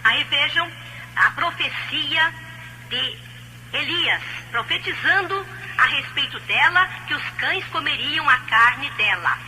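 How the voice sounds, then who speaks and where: A woman's voice: high voice, lively intonation, takes it slowly, bright, forceful tone, low-quality recording. A Brazilian woman teaching a Bible study in an insistent, admonishing manner, on an old dubbed cassette tape. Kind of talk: religious teaching, exhorting. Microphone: recorded on cassette. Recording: old cassette tape dub copy, hiss, hum.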